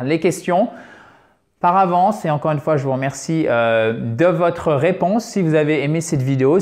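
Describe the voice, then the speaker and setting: A woman's voice: low voice, darkish tone. A woman hosting a video lesson, chatting directly to her viewers with the odd filler. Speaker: English teacher and channel host.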